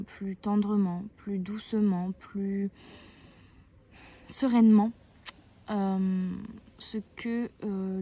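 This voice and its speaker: A woman giving weekly oracle card guidance outdoors, gentle and reassuring, often pausing to search for her words. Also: mid-range voice. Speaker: tarot and oracle card reader. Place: outdoors, near a tree.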